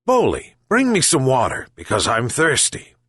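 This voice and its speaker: A man's voice: medium pitch, huge pitch swings, normal speed, fairly bright tone, husky, no room sound, studio quality, pitched above the performer's own voice, heavily acted. A man voicing a kind, sick old fisherman who calls out for his pets. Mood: kindly. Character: kindly old male fisherman, ill, pleading.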